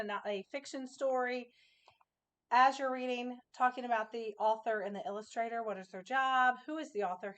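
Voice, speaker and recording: A woman's voice: on the high side, smooth. A woman teacher giving an informal instructional presentation to parents, explaining with example questions.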